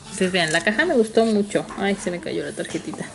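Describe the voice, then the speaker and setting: A woman's voice: mid-range voice, animated, a little fast, gravelly, background noise. A young woman with a Mexican Spanish accent, chatting affectionately to her viewers in a casual home vlog, laughing often. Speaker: vlogger. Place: home indoors. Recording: music playing underneath.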